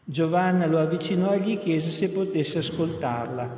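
A man reading a devotional story as narrator, in a steady, measured way, in an echoey hall. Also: fairly high pitch. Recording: echoey hall, long reverb.

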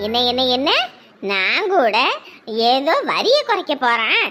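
A woman playing a sharp-tongued young wife who scolds and mocks in a family drama. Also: high voice, sing-song, slow, faint music behind, exaggerated voice. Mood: scolding. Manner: scolding, mocking, bossy. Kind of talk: melodramatic web-series acting.

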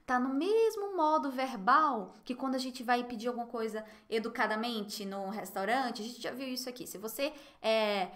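A woman with a Brazilian Portuguese accent giving a live online French lesson, explaining phrases and slowly modeling pronunciation. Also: fairly high pitch, fairly bright tone. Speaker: French teacher.

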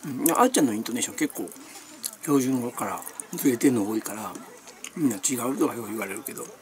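A woman's voice: a bass voice, lively intonation, fast, a little mellow. A middle-aged woman with a Kansai Japanese accent chatting casually as a vlogger, rambling from one everyday topic to the next with many fillers and small laughs. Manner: chatty, meandering, refers to herself by nickname, frequent laughs and fillers.

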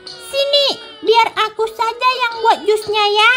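Woman putting on a squeaky toddler boy, jealous, whiny, slow and bright. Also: steady tone, faint music behind, exaggerated voice. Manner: whiny, childish.

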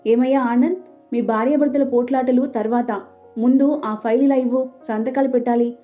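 A woman's voice: high voice, steady tone, normal speed, soft background music, lightly acted. A woman voicing a bossy male office boss who barks orders impatiently. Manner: barking and impatient. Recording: tinny phone-like sound.

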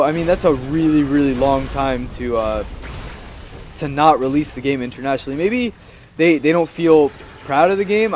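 A young gaming video host gives casual, rambling commentary on his gameplay, chatty and playfully repeating his own phrases. His voice is on the high side, with a little hiss or hum in the recording.

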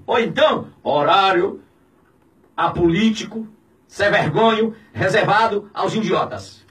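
Speaking Brazilian-accented Portuguese in a small radio studio, a man in his fifties who is a pastor rails on air in an indignant, preacher-like tone. He alternates between shouting and low, weighty words. The boom studio mic picks him up from a distance, where he is also filmed.

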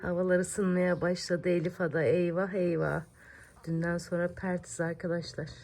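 A woman's voice: on the low side, little pitch movement, moderate pace, vocal fry. Woman chatting to the camera at home. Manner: soft baby talk to her daughter, whispering while the child sleeps. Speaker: vlogger and mother. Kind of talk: casual home vlog chat.

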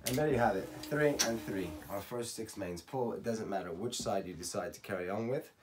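A man in his thirties, slightly hoarse from losing his voice, calmly talking through a how-to tutorial step by step and counting aloud. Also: lowish voice, a little fast, noisy background. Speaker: racket stringing instructor. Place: home workshop at night. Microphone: camera on a tripod.

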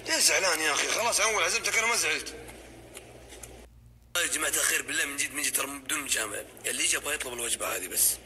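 A man's voice: fairly high pitch, very fast, pushed and bright, a little hiss or hum. A man vlogging a restaurant visit, teasing and joking with a friend. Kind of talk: casual vlog chat.

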